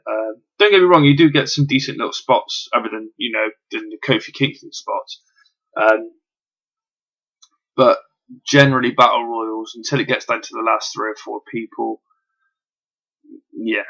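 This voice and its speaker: Gravelly man rambling casually. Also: mid-range voice, moderate pace, pauses often, fairly bright tone, muffled recording. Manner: rambling, with many ums and casual swearing. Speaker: wrestling reviewer. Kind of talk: casual spoken review.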